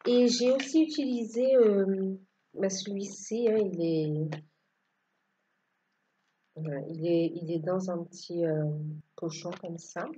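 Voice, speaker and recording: Slow-talking lady doing a tarot reading, husky mellow voice, lots of ums, kinda muffled lo-fi sound. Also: fairly low pitch, fairly even intonation. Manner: hesitant, many fillers and restarts. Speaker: tarot card reader. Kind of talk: casual spoken tarot reading.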